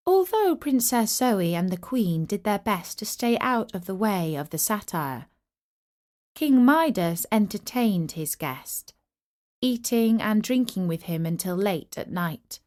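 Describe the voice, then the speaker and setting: With a mid-range voice, a woman narrates a scripted tale for children. She tells it expressively and at a careful, deliberate pace.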